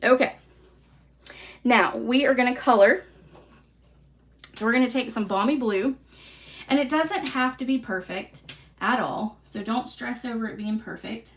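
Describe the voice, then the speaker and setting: A woman's voice: a little high, unhurried, pauses often. Chatty Southern woman demonstrating card-making. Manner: chatty, relaxed, self-deprecating. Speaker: craft class host.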